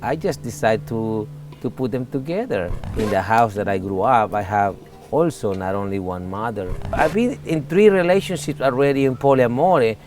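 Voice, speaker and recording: A man's voice: medium pitch, music in the background. Candid Salvadoran man in his forties. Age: 40s. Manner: earnest, candid, halting non-native English. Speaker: interviewee. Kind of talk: casual interview talk.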